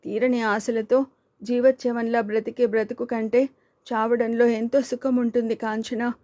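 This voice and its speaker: A woman's voice: fairly high pitch, flat delivery, measured pace, a little mellow, no echo, natural voice. A woman voicing Devika, a timid and tearful young woman in love, pleading and despairing in an audiobook reading.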